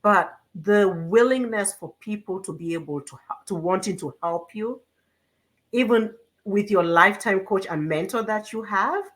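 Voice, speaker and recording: A woman's voice: medium pitch, normal speed, fairly bright tone. A woman hosting a casual interview, talking in an encouraging, conversational way. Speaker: host.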